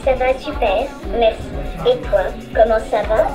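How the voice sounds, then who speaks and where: A humanoid robot voiced by a female-sounding speech synthesizer with an even, clipped robotic delivery. The voice sits a little high and stays even throughout. Music plays clearly in the background. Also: a little slow. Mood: cheerful. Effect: robotic text-to-speech voice. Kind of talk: scripted self-introduction.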